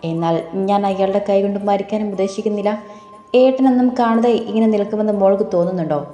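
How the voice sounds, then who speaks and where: A man's voice: sits high, quick pace, natural voice. A woman voicing a confident, teasing young man who protects his family. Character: young man, bold and protective older brother. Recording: echoey room, soft music behind.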